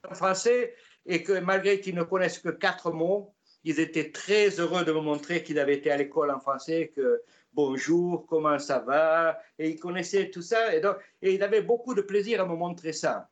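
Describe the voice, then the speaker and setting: An older man from Gascony with a Gascon French accent, telling stories in a relaxed interview, with many hesitations and restarts. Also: high voice, fairly quick, hardly any pauses. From Gascony, France. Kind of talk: casual storytelling interview.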